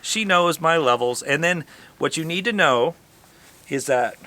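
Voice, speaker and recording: A man's voice: on the high side, animated, unhurried, sharp tone. A man hosting an RV travel vlog, chatting casually and unscripted, explaining himself with rhetorical questions.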